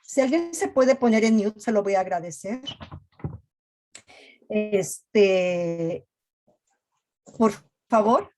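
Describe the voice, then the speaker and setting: Woman, holistic therapist, reflective talk, very slow delivery, emphatic, video call audio. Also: medium pitch, lively intonation, warm tone. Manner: slow, emphatic, frequent "este" fillers. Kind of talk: monthly reflective talk to parents.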